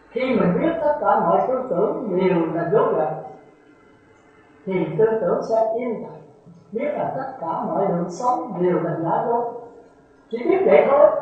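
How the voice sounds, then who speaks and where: High-voiced monk giving a dharma talk. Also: male voice. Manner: lecturing, repeats rhetorical checks to listeners. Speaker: Buddhist monk teaching. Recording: heavily echoey, tinny phone-like sound.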